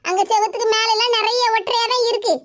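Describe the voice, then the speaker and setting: A woman voicing a bossy, sharp-tongued mother-in-law over sixty in a cartoon, in a high, squeaky voice. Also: fairly even intonation, fast. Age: 60s. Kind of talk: cartoon voice acting.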